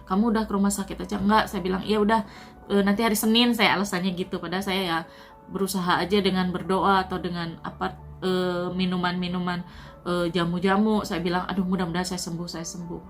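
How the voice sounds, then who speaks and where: Soft-spoken Indonesian woman telling her story. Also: fairly low pitch, flat delivery, brisk, faint music behind. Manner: soft, earnest, often trailing off with "gitu". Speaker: Indonesian migrant worker sharing her COVID recovery. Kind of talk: casual personal storytelling. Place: at home.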